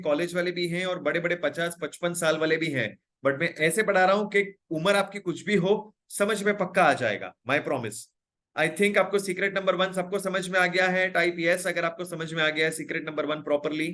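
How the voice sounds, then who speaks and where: Bright, high-pitched male teacher. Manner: encouraging, coaxing students to speak up; reads out viewers' names and comments. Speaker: online English teacher. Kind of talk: live online class, Hindi mixed with English.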